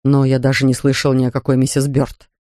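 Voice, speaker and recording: A reader voicing a nervous male lawyer who speaks low and hesitantly. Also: completely flat delivery, brisk, dark tone, dry recording, clean studio sound, natural voice. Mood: flustered.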